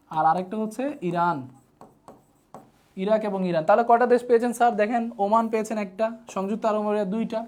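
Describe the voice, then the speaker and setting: A woman's voice: medium pitch, darkish tone. Woman teaching a live online lesson. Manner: repeats checks with students, playful memory tricks. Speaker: online tutor.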